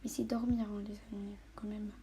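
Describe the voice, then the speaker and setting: A woman's voice: medium pitch, level tone, a little fast, warm tone, a little hiss or hum. A woman vlogging casually while playing with dolls, chatting to viewers and often dropping into whispers. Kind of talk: casual doll-play vlog.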